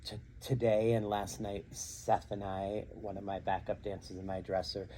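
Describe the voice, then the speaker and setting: A man's voice: on the low side, flat delivery, normal speed, dark tone, slight background noise, poor audio. A middle-aged man who works as a drag queen and show host, answering interview questions earnestly and repeating phrases for emphasis.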